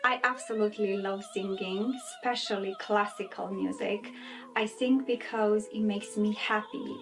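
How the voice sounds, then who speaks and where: In poor audio, a woman's steady, mid-range voice moves at a measured pace. She's a thirtysomething Romanian classical soprano and guest singer, not a native speaker, stumbling through interview answers and a recorded intro with fillers and restarts.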